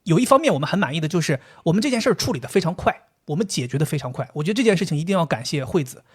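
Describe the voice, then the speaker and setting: A man co-hosting a casual podcast, telling a story in an animated way and laughing often. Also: on the high side, racing, husky. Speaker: podcast co-host.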